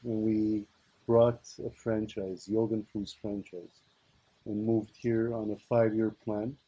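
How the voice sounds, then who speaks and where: A middle-aged man from Ethiopia telling his story in a relaxed, casual interview. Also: lowish voice, slow, breathy edge, low-quality recording.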